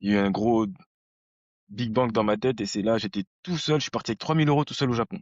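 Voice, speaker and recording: A man's voice: fairly low pitch, fast, no echo, lo-fi sound. A man in his thirties hosting a podcast, chatting casually in a slangy, rambling storytelling way. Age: 30s. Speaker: podcast host. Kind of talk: casual conversation.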